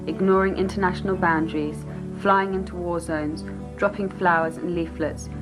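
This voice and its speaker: Woman narrator, lowish and measured, scripted documentary read with music behind. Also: steady tone, rough recording. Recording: music under the voice.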